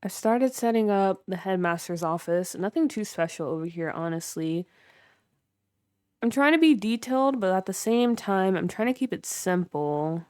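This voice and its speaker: Chatting with her viewers as she shows off what she's built in a game, a young streamer rambles casually with plenty of filler words. Her voice is fairly low, smooth, and a little mellow, recorded at studio quality with no room sound.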